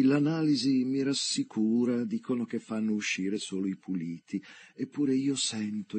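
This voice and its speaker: A man's voice: medium pitch, darkish tone, husky. Man reading as a sick brooding young woman.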